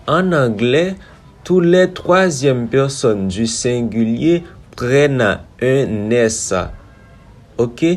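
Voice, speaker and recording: A man teaching English verbs, drilling conjugations slowly with many repetitions and frequent check-ins. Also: mid-range voice, a little mellow. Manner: slow, repetitive drilling, asks "Ok?" often.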